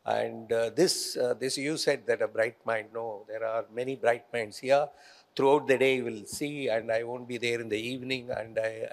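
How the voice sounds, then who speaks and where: A middle-aged man, a company executive speaking as the guest on a conference stage, measured and hesitant, with many fillers, into a handheld mic. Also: mid-range voice. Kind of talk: onstage conference conversation. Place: large conference hall stage.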